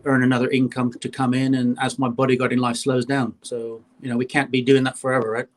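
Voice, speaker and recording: A man's voice: medium pitch, monotone, fast talker. Chatty man in his fifties. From England. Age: 50s. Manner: chatty, leans on "you know" and "uh". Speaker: guest. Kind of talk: casual interview on a call.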